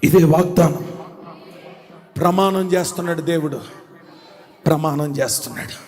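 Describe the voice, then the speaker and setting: A man preaching a Pentecostal sermon to a church congregation, repeating phrases and calling for responses, swinging between shouts and quiet, low passages. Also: moderate pace, long reverb tail. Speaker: pastor. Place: church service.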